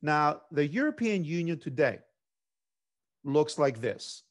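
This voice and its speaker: A middle-aged Greek government instructor delivers a measured academic lecture over a video call, his voice a little high with big swings in pitch.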